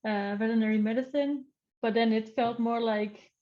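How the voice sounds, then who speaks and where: A woman's voice: a little high, steady tone, moderate pace, highs cut off. A young woman with a Dutch accent, a researcher speaking English in a cheerful, easygoing interview chat over a video call. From Netherlands. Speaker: animal welfare researcher, guest.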